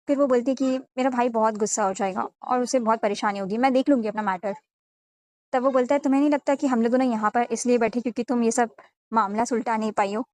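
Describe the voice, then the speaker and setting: A woman with a fairly high voice narrates a comic story recap. She talks casually and plainly, retelling each exchange as "then he says, then she says". It sounds like a voice-over recorded at home.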